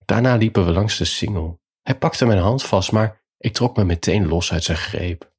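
A man narrating a first-person bedtime story in a calm, measured way. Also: lowish voice, husky.

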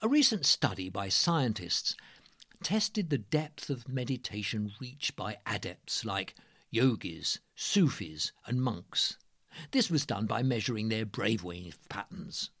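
A man reading scripted narration as a presenter, in a measured, emphatic way. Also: on the low side, animated, a bit bright, dry recording, clean studio sound.

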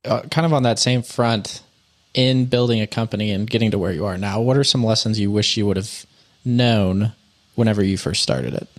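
A man's voice: lowish voice, steady tone, moderate pace. A man interviewing a guest as podcast host, asking questions in a casual way.

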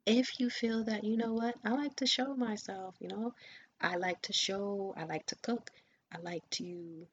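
A woman podcast host and coach gives an earnest, encouraging motivational monologue, often dropping her voice to a near whisper. Her voice is medium-pitched, unhurried, and slightly rough. The recording has a dull lo-fi sound with faint ambient noise.

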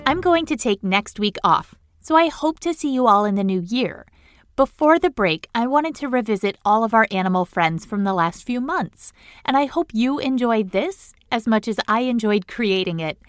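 A woman's voice: a little high, moderate pace, no echo, faint music behind. Playful woman podcast host, dry studio sound. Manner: cheerful, animated delivery with comic emphasis. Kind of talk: playful podcast reading of comic verse. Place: tiny home podcast studio.

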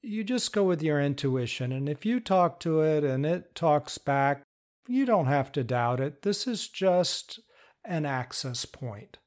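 Guy teaching slowly and patiently, kinda higher voice. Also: very animated. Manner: slow, patient and explanatory. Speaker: teacher of inner-parts work. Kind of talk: instructional talk.

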